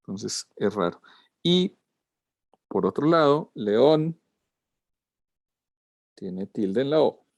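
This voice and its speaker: A man's voice: mid-range voice, lively intonation, slow, vocal fry, pauses often, a little mellow, no echo. A man, a lettering teacher giving a student feedback over a video call, walking through corrections step by step. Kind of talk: class critique of student work.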